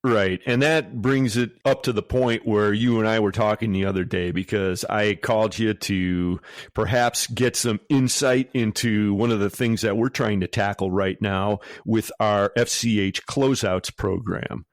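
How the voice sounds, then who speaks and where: A man's voice: lowish voice, fairly even intonation, unhurried, dry recording. A man hosting a casual podcast interview, asking long, rambling questions with plenty of fillers. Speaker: podcast host.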